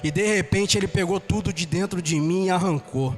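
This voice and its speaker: A Brazilian man preaching a sermon in church, giving his testimony with passion and rising to shouts. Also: high voice, fairly quick, soft background music. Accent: Brazilian Portuguese.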